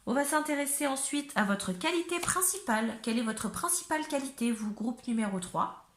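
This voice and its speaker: A hoarse woman from north-eastern France with a north-eastern French accent, giving a chatty, giggly tarot reading to her viewers, often searching for words. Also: high-pitched, animated, a little fast, reverberant. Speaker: tarot reader. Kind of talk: casual tarot reading to camera.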